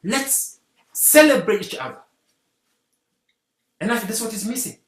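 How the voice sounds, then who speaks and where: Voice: medium pitch, very animated, unhurried. A guest from Senegal, giving an earnest talk on community unity and repeating rallying phrases. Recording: roomy echo.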